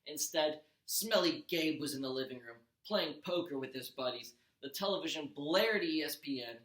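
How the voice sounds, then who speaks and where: In an echoey room, a man with a fairly high, slightly bright voice reads a children's story aloud like a teacher to a class, his intonation lively and his speed normal. The animated read-aloud is expressive, though he occasionally stumbles and corrects himself.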